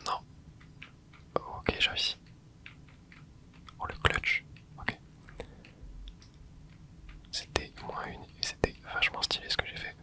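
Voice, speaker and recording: An ASMR gaming host murmurs a whispered commentary during play, letting soft reactions slip out into a nearby microphone.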